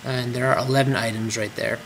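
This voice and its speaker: With background noise behind him, a man with a medium-pitched, fairly flat voice speaks briskly. He is a clinic trainer in a screen-recorded software tutorial, walking step by step through clinic tracking forms on screen with frequent ums and uhs.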